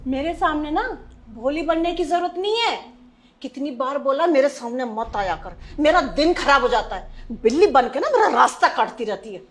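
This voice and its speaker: A woman playing a bitter, contemptuous grandmother and mother-in-law who scolds her family with sharp commands, in a family short film. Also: high-pitched, animated, normal speed. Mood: scornful. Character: harsh, bitter grandmother who scorns girls.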